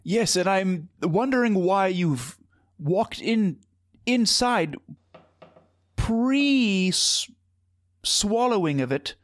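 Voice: medium pitch, animated, very slow, pauses often, dry recording, studio quality. A performer playing a curious, oddly formal shopkeeper who reacts with prim exclamations. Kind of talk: comedic improv character.

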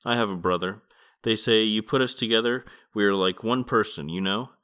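A man's voice: fairly low pitch, a little fast, bright, forceful tone, clean tone. A man voicing a weary, brooding old male god in a podcast book reading, keeping close to his own reading voice.

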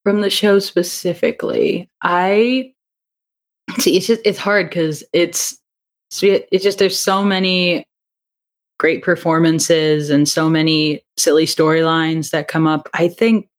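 This interview guest, a young adult audio drama writer and director, is giggly and chatty in a casual conversation. Her fairly low voice stays fairly even in intonation, and she talks slowly.

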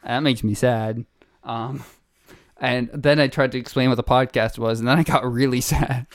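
A young man co-hosting a podcast, telling a story in a casual, animated way with laughs and acted-out quotes. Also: medium pitch, moderate pace, no echo, studio quality. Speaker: podcast co-host.

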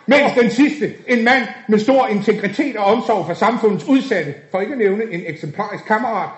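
Casting: man doing a sneering, high-voiced foul-mouthed tough, echoey recording. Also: animated. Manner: sneering, wordy insults. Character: cocky, foul-mouthed young male tough. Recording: dull echoey room recording.

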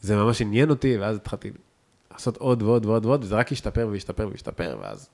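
A man's voice: fairly low pitch, lively intonation, creaky, darkish tone. A man with an Israeli accent chatting casually as an interview guest, enthusiastic and emphatic, repeating words for stress. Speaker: podcast guest, chef.

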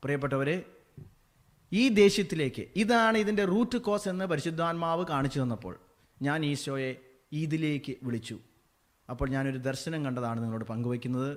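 High-voiced Malayali priest preaching. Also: male voice, fairly quick. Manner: swings between loud preaching and quiet storytelling. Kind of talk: sermon.

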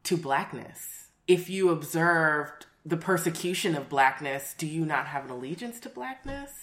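A woman in casual discussion who speaks in a measured, deliberate way, with occasional fillers. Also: low voice, lively intonation, a bit bright. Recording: echoey room.

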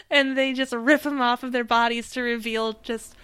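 A woman's voice: fairly high pitch, fairly even intonation, normal speed, a bit bright, smooth. A young adult woman co-hosting a podcast, chatting casually and laughing often between sentences. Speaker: podcast co-host. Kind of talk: casual chat.

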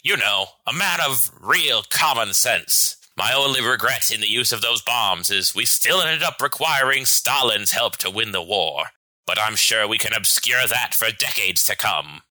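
Man playing a smug, menacing, sharp-voiced villain president. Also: lowish voice, expressive, no room sound, full character voice, poor audio. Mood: smug menace. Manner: slow theatrical menace, smug and pompous. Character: scheming, vain, power-hungry male American president as villain. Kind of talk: scripted satirical sketch acting.

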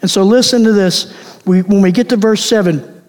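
A man preaching a sermon as pastor, emphatic, slowing down to stress key words. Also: high voice, a little mellow. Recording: long reverb of a large hall.

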